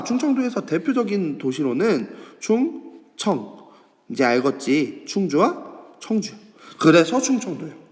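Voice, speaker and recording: A man teaches a class in a lively, sing-song way, pitched a bit high and swinging up and down. He asks his students questions and then answers them himself. His voice trails off into a long reverb, as in a large bare room. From Korea. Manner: acts out students' questions in a higher voice. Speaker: high school history teacher. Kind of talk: online class lecture to students. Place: classroom or office, recording an online lesson.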